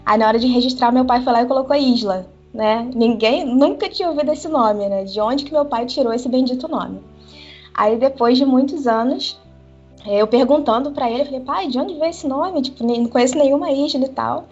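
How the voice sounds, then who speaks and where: A woman in casual chat, candid and animated, laughing often. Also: high voice, a little fast, husky. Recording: dull lo-fi sound with faint music.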